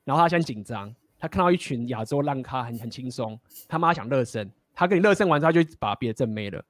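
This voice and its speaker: A man's voice: mid-range voice, lively intonation, quick pace, no echo. A man, casually telling stories and giving blunt, profane dating advice. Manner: blunt, profane, laughing often.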